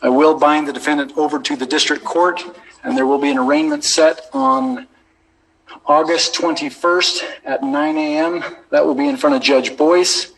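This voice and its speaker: A man with an American accent speaking as a judge, giving a measured, deliberate formal ruling from the bench. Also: fairly high pitch, expressive, creaky, fairly bright tone, rough recording. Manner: measured, deliberate, procedural phrasing. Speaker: judge presiding over a court hearing. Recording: courtroom recording with background noise.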